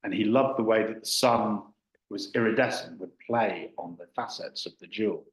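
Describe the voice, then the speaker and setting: A man's voice: lowish voice, normal speed. A man, a Buddhist teacher, giving a dharma talk in a hesitant manner with frequent fillers and restarts. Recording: echoey hall.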